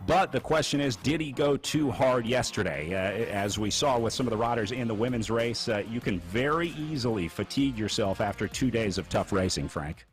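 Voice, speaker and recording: A man commentating a virtual cycling race, energetic play-by-play that lifts when he hypes riders. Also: medium pitch, normal speed, hardly any pauses.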